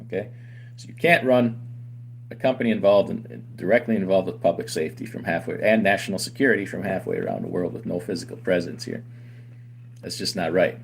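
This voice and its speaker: A low, fairly quick voice with vocal fry comes through over a light hiss or hum. The man owns a trucking company and hosts a channel, and here he gives his audience a combative, opinion-driven talk to camera full of rhetorical questions.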